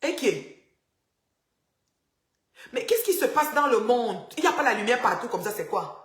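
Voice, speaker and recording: A woman's voice: a little high, sing-song, fairly quick. A woman chats with her live-stream viewers through her phone, teasing and full of asides. The sound is echoey and roomy. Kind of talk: casual live-stream chat in the dark. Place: house with the power cut.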